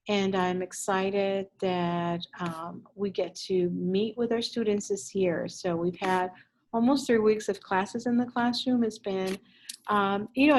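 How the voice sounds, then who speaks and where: A woman's voice: mid-range voice, poor audio. Chatty woman teacher from Puerto Rico. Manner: chatty, warm-hearted rambling with fillers. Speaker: Spanish teacher. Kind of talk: recorded introduction to parents. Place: classroom.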